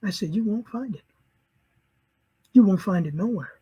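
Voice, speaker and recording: A middle-aged man from St. Louis tells his personal testimony in a husky, slightly breathy voice. He pitches high for a man and talks earnestly. He carries the story by quoting back and forth what each person said. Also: expressive, moderate pace, warm tone, lo-fi sound. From St. Louis, Missouri, USA. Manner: earnest, recounts conversations in quoted dialogue. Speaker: convert telling his story.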